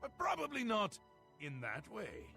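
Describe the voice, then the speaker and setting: Sheogorath, wildly swooping high-pitched mad god. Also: male voice, wildly swooping pitch, a little slow, creaky, sharp tone, breathy edge, no echo, soft background music, exaggerated voice. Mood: gleeful mocking. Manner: flamboyant, swinging from gleeful cries to low menace. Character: mad, theatrical, mercurial male ruler-god of madness. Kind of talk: fantasy game character acting.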